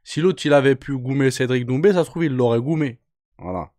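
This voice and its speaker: A man's voice: medium pitch, a little mellow, no room sound. A man hosting a channel, cutting in with casual slangy commentary on a clip. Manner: explains in slangy terms, pauses to add his own take. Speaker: channel host.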